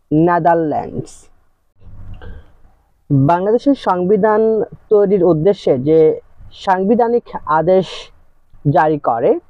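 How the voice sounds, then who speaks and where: A man tutoring for a job exam, reading general knowledge questions and then their answers in a measured, plain tone. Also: high voice, no echo, dull audio.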